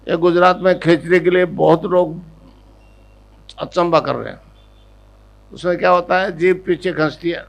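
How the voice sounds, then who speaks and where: A man's voice: fairly high pitch, gravelly, rough recording. An older man, giving a spiritual discourse as a guru and often checking that listeners follow. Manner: rhetorical checks on listeners, repetitive chanting demonstration. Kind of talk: spiritual discourse to a live audience.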